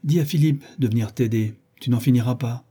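A grim young marquis gives short, cold orders with bitter irony, as a man reads him aloud. The voice is dark and husky. It is a classic novel read as an audiobook. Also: mid-range voice, brisk, natural voice. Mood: curt. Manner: curt, bitterly ironic.

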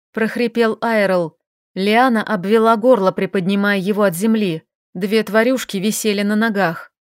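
Expressive woman reading an audiobook. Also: on the high side, no echo, studio quality. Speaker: audiobook reader. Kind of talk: scripted narration.

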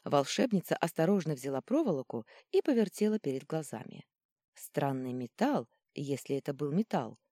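A woman narrating a fantasy audiobook in an expressive storytelling manner. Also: low-pitched, slightly rough, no room sound, clean studio sound. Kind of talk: scripted narration.

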